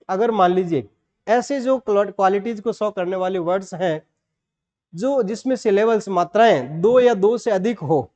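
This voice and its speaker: A Rajasthani-accented man teaches grammar over the internet, his voice high-pitched with a darkish tone. He lays out the rules in steps and spells words letter by letter. The sound quality is dull and lo-fi.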